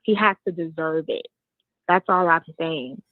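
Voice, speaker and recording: A woman's voice: low-pitched, measured pace, no echo. A woman calling in over a phone line, earnestly making her point with hesitations and repeats. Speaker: caller. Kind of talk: casual call-in opinion. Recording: dry, narrow phone line.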